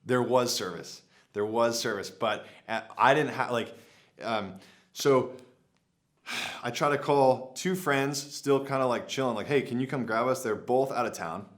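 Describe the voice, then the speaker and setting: A man's voice: medium pitch, a little slow. Young guy rambling thru a story to camera, lots of "like", acting out what he said back then. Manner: animated, many "like" fillers, acts out his own past lines. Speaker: adventure vlogger.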